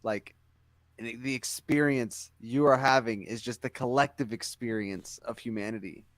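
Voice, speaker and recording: A man co-hosting a casual podcast, earnest and preachy, sometimes rattling off words fast. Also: mid-range voice, no room sound. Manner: earnest, preachy, talks about hidden truths, sometimes fast. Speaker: podcast co-host. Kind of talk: casual chat.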